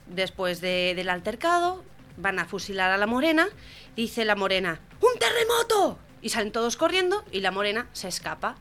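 A woman co-hosting a radio comedy show, telling jokes and acting out the punchlines. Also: medium pitch. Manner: lively joke-teller who acts out the punchlines. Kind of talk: joke-telling radio banter. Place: radio studio.

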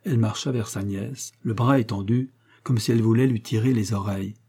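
A man reading a classic novel aloud in measured, even storytelling narration. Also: fairly low pitch, breathy edge. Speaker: audiobook reader.

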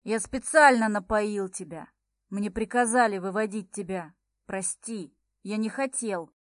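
A woman's voice: mid-range voice, unhurried, dry recording, clean studio sound, natural voice. A woman doing a panicked, shrieking young man. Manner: shrieking, pleading.

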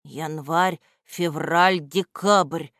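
A woman voicing a clever, know-it-all schoolboy in a storybook reading, calmly explaining. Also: sits low, extremely slow, no room sound, studio quality, full character voice. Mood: thoughtful. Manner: calm, explaining.

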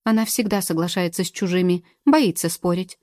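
A woman narrates an audiobook in steady, even storytelling. Her voice is low and mellow, close and dry with no room sound. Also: a little fast, dry recording. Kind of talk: scripted narration.

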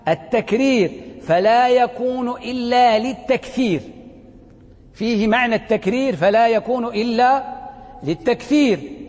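A man teaching a lecture on Quranic readings as a sheikh, asking the class questions, answering them himself and slowly repeating key words. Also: very high-pitched. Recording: long hall reverb.

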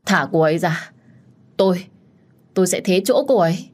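A woman's voice: fairly low pitch, moderate pace, darkish tone, close to an everyday voice. A woman voicing a frightened young husband who stammers and pleads for his wife's release. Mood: pleading.

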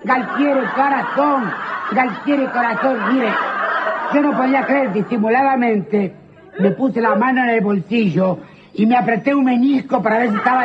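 A man telling a comic monologue, acting out the people he quotes, while an audience laughs. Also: very high voice. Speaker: comedian doing a monologue. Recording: dull archive recording with loud hiss.

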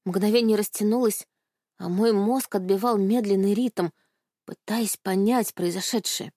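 A woman's voice: medium pitch, a little slow, dark tone, dry recording, studio quality. A woman narrating a dramatic first-person novel in a tense, dramatic manner. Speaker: audiobook narrator.

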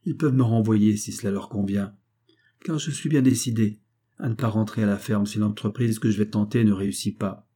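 A poor, lovesick young peasant who speaks gravely and hesitantly, as a male narrator reads him. The voice is low, dark and husky, close to the reader's own. It is a storybook character read aloud. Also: steady tone, brisk. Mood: earnest. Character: poor, melancholy young peasant man in love. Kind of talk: audiobook character reading.

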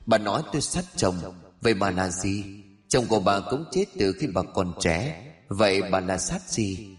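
A man voicing a vengeful female ghost who speaks in a hushed, eerie, cold way. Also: fairly low pitch, lively intonation, normal speed, soft background music, close to an everyday voice. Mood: bitter.

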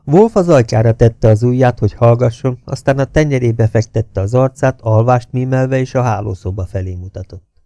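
A man reading a novel aloud as an audiobook, telling it in a measured, steady way that drops to hushed tones. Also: medium pitch, no room sound. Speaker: audiobook reader. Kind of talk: scripted novel narration.

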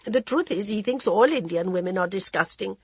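A woman's voice: mid-range voice, brisk, slightly rough, no echo. A woman voicing a worldly, imperious older Indian society lady who drawls theatrically and calls everyone darling. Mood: arch, languid.

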